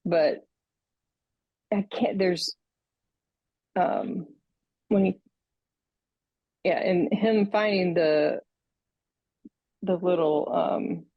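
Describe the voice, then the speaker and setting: A woman co-hosting a podcast in casual chat, halting and searching for words. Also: fairly low pitch, dry recording, muffled recording. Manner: halting, many fillers and restarts. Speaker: podcast co-host.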